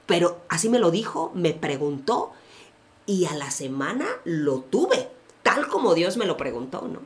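A woman's voice: on the low side, unhurried. A woman, a pastor co-hosting a casual faith chat, telling stories with slangy asides. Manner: animated storytelling with slangy asides. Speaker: podcast co-host, pastor.

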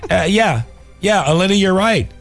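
A man's voice: sits high, expressive, a little slow. A man co-hosting a podcast in casual chat, playful and teasing as he runs a music-year quiz. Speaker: podcast co-host.

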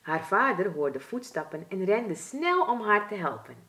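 Reading a children's storybook aloud, a woman with a Surinamese Dutch accent takes her time over each sentence. Her medium-pitched voice rises and falls lively, giving an expressive, deliberate telling.

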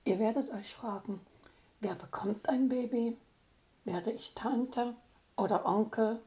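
An older woman, a grandmother, calmly reading her own story aloud. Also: a little high. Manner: calm, unhurried storytelling.

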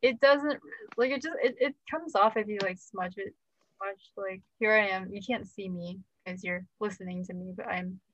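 A woman's voice: mid-range voice, normal speed. A young woman co-hosting a podcast, chatting casually and poking fun at herself. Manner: chatty, self-mocking. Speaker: podcast co-host. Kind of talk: casual chat. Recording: dull lo-fi sound.

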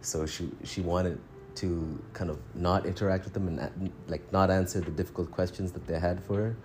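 Very deep-voiced man, rambling podcast chat. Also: fairly even intonation, normal speed, a little mellow, slight background noise. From Tanzania. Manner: rambling, restarts often, chuckles between thoughts. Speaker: podcast co-host. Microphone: phone.

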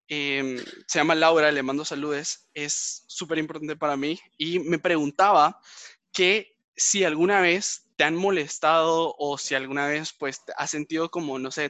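Host: man, chatty questions, sharp slightly high voice. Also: no echo. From Guatemala. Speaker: podcast host. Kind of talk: casual chat.

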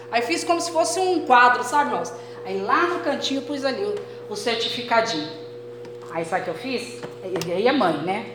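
A woman's voice: a little high, background noise. Woman preaching in an echoey church. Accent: Brazilian Portuguese. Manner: emotional, addressing the congregation as brothers. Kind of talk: sermon testimony.

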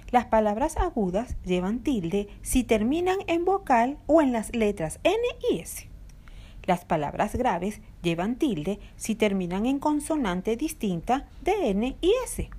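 A woman teacher reads a podcast lesson with a soft, breathy tone. Her pitch rises and falls a lot as she leans on each example word. The delivery is clear and deliberate. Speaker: Spanish language teacher.

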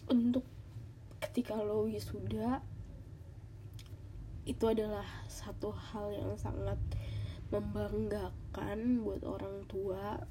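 A woman hosting a podcast as a casual, halting monologue, with a congested, nasal voice like a blocked nose. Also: medium pitch, level tone, dark tone, a little hiss or hum, poor audio. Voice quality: congested, stuffy-nosed nasal voice. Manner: informal, halting, with audible sighs. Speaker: podcast host.

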